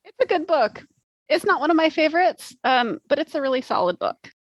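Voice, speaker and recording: A woman's voice: high voice, very animated, a little fast, no room sound, lo-fi sound. A woman co-hosting a book podcast, chatting casually in a wry, informal way. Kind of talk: casual chat.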